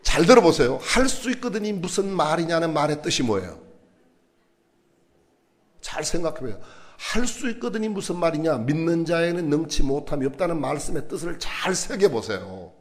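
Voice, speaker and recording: A man preaching a sermon in a church, animated and asking the congregation questions. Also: a little high, moderate pace. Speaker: pastor.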